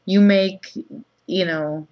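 A woman's voice: fairly low pitch, fairly even intonation. Groggy just-woke-up woman, dull lo-fi sound. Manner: halting, pausing often mid-thought. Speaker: vlogger. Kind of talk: casual confessional vlog. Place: small room indoors.

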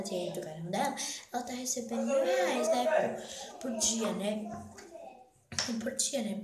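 A woman from Brazil vlogging to her viewers from a small bathroom, rambling and often half-whispering. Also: medium pitch. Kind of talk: casual vlog talk to viewers. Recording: echoey bathroom with background noise. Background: background noise, kids shouting.

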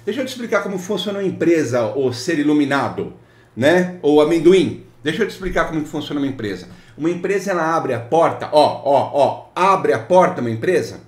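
A man's voice: fairly high pitch, lively intonation, a little fast. A Brazilian man, an IT technician, rants sarcastically and scolds mockingly as he reads out client messages. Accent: Brazilian Portuguese. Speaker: IT technician vlogger. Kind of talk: ranting commentary reading client messages. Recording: roomy echo.

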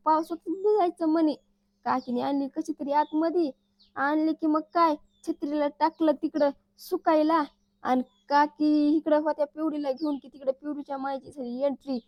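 Woman, comic vlog voice-over, high voice, dull dry sound. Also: dry recording. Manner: teasing, chatty, acts out the quoted lines. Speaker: family vlogger.

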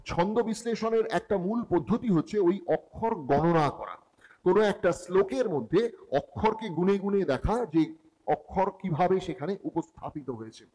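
A man's voice: high-pitched, a little mellow, in a large hall, poor audio. A middle-aged man teaching a class, explaining step by step and speaking directly to his students. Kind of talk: classroom lecture.

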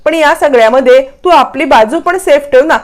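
An anxious mother from a serial retelling, firing off worried questions about her daughter, as a woman reads her lines. The voice is high and clear. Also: moderate pace, natural voice. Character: worried caring mother on the phone.

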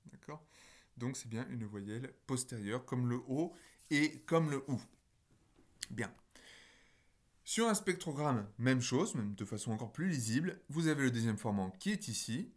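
A man's voice: mid-range voice, animated, measured pace. A man teaching a phonetics lesson over slides, explaining patiently and checking in with his students. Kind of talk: recorded lecture over slides.

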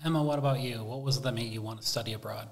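A man's voice: mid-range voice, steady tone, very fast, creaky, crowd noise. A man hosting a school interview in a small studio, asking friendly, curious questions. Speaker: host. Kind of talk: casual interview.

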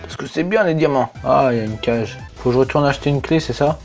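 A young man doing let's play commentary, excitable, yelping and swearing at the game as he plays. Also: medium pitch, quick pace. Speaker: gaming YouTuber. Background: game music.

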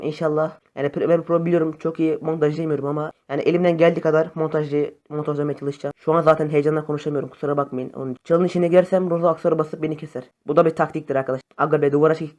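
A young man chatting casually to his viewers over phone gameplay, excitable and friendly. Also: on the high side, dull audio. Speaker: gaming YouTuber. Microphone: phone camera facecam.

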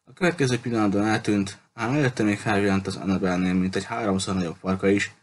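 A man reading a novel aloud in a steady, measured way. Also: on the low side, a little hiss or hum. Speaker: audiobook reader.

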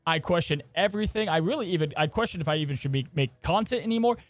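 A man co-hosting a casual gaming podcast, animated and jokey as he runs the segments. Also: fairly high pitch, quick pace, no echo. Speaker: podcast co-host.

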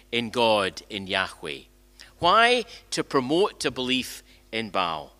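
Preaching from a church lectern into a gooseneck microphone, an older minister gives an indoor, conversational sermon in the sanctuary. His bright, forceful voice swings lively in pitch as he leans on rhetorical questions and frequently repeats or restarts phrases.

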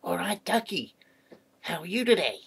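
Man voicing a playful puppet boy for kids: gravelly, husky, fairly low. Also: big pitch swings, moderate pace, fairly bright tone, full character voice. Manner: chatty and playful. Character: friendly curious male puppet boy. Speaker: puppet character. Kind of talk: children's puppet show.

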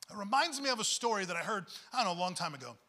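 A man's voice: high voice, sing-song, very fast, sharp tone. A male pastor preaching a sermon in an earnest, conversational way, often repeating words as he goes.

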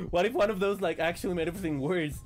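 A sick man streaming a video game, excitable and swearing as he plays. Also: high-pitched. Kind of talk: casual gameplay commentary.

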